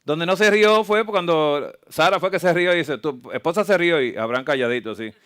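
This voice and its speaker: Speaking at normal speed in a voice on the high side, fairly bright and clean, a preacher and health lecturer addresses a church camp meeting. His sermon pairs medical slides with Bible passages, punctuated by frequent rhetorical questions to the congregation.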